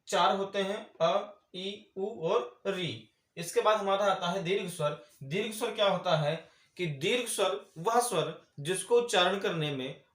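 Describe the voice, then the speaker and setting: A man's voice: high-pitched, a bit bright. A man teaching a grammar lesson, who repeats each definition and asks and answers his own questions. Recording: echoey room.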